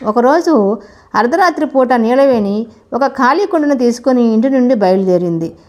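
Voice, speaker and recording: Fairly high-voiced woman telling a folk tale. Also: muffled recording. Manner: steady, measured storybook reading. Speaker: storyteller. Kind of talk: scripted folk-tale narration.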